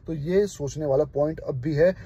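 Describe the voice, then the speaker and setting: A man's voice: on the high side, moderate pace, dark tone, slightly rough, highs cut off. A young man from India, a football fan channel host, giving his opinions in an emphatic, passionate casual vlog. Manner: passionate, emphatic, keeps saying "brother".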